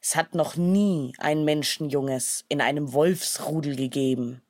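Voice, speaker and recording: A woman voicing a gruff, wary father wolf in a children's storybook, speaking curtly. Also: low voice, unhurried, a little mellow, no room sound, clean studio sound. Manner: gruff and curt.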